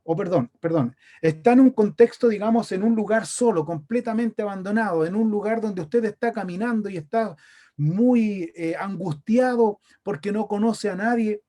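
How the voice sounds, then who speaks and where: A man's voice: sits high, mellow. A man from Chile with a Chilean accent preaching a sermon, talking in a conversational way and asking his listeners questions. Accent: Chilean Spanish. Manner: conversational, asks the congregation questions. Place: church meeting room.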